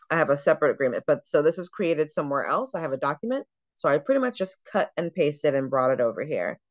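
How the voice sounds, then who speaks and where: A woman who trains travel agents, giving a chatty screen-share walkthrough of software and thinking aloud as she clicks through it. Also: low voice, dry recording, lo-fi sound.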